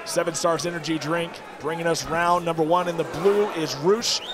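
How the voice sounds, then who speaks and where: A man's voice: a little high, fairly even intonation, normal speed, noisy background. A man giving live fight commentary as a commentator, with an emphatic delivery.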